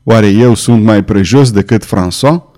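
Male reader as a hoarse, proud young rival; bitter threats, dark and low. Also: lightly acted. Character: jealous young man, violent and proud.

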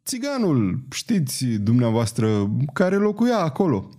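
Nervous lovesick fellow, played by a man, sheepish and stumbling, warm mellow tone. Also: medium pitch, wildly swooping pitch. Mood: stammering. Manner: sheepish, stammering. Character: lovesick, timid, hungry grown man.

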